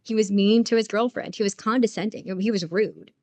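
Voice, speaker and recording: A young adult woman chats casually on a live art stream, her voice sitting at an ordinary middle pitch. She rambles from one point to the next, animated, often stammering and restarting her sentences. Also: brisk. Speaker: livestreamer. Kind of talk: casual storytelling chat while drawing.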